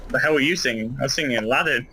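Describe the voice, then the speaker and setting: A man in his twenties bantering during gameplay, excitable and jokingly swearing. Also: medium pitch, racing, slight background noise, poor audio. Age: 20s. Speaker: gaming co-host.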